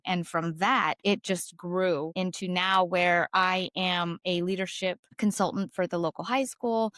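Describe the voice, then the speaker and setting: A woman in her forties talking as a podcast guest, candid and emphatic, with an easy laugh. Her voice sits at a middle pitch. The recording is dry and close, with no room sound. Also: fairly bright tone, no room sound. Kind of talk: conversational interview storytelling.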